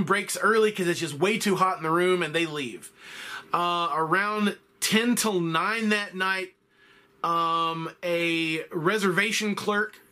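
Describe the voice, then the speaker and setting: A man's voice: sits high, pushed and bright. A man casually narrating a solo podcast, rambling a little and correcting himself often. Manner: rambling, self-correcting, with frequent fillers. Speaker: podcast host.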